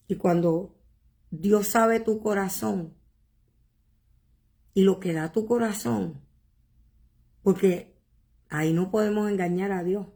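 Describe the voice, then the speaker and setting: A woman pastor preaching a sermon, earnest and emotional, asking rhetorical questions and repeating words with pauses. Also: medium pitch, dark tone. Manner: halting repetitions and pauses.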